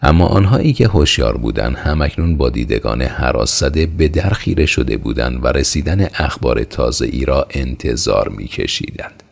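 A man narrating a historical novel as an audiobook in a steady, measured reading. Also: extremely low pitch, vocal fry.

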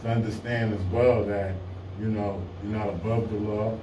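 A man's voice: on the low side, little pitch movement, moderate pace, dull audio. Man talking casually in an echoey lobby. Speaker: citizen auditor questioning police. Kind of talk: casual conversation. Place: small indoor police station lobby. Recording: echoey, noisy, distant lobby recording.

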